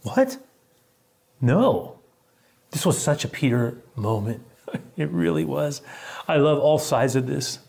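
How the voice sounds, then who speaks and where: A male pastor preaching a sermon in an animated storytelling manner, chuckling often as he retells a scene. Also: on the high side, moderate pace, vocal fry.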